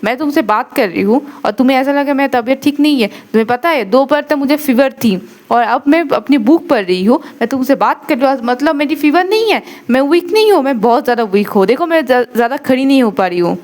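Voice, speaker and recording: A woman's voice: sits high, lively intonation, fairly quick, few pauses, a little mellow. A woman doing a stern sarcastic professor. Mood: scolding. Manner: scolding, sarcastic questioning. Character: stern sarcastic female professor, feverish and irritable.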